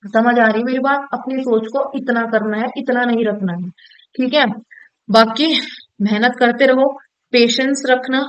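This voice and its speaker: A woman's voice: on the high side, steady tone, unhurried, smooth, lo-fi sound. A young woman, a student, giving casual motivational career advice straight to her viewers, direct and coaxing, often checking they follow. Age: young adult. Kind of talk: casual motivational talk to camera.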